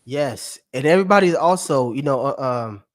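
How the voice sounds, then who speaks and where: A man's voice: medium pitch, animated, moderate pace, dry recording, clean studio sound. A man hosting a casual TV review chat who steers the conversation and jumps in to interject, calling his co-host brother. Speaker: podcast host.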